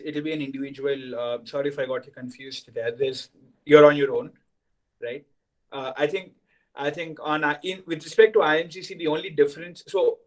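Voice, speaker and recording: A man's voice: a little high, low-quality recording. A young man, a senior student explaining things to new students on a video call and checking in with "right?". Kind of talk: orientation talk to students.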